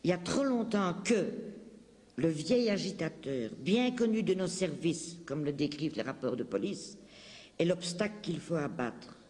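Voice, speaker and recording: A high-voiced man delivers a political speech with long reverberation trailing each phrase. He is declamatory and impassioned, leaning hard on key words and phrasing them for dramatic weight. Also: expressive, normal speed, a little mellow. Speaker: political speaker.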